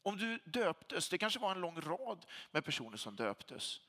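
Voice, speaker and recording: A man delivers a sermon with a bright, slightly raised voice that rises and falls in wide, animated swings. His tone is a little husky, and he leans on repetition to drive points home. The sound carries a long hall reverb, as in a church. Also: high voice. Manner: emphatic preacher, repeats phrases for weight. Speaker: pastor.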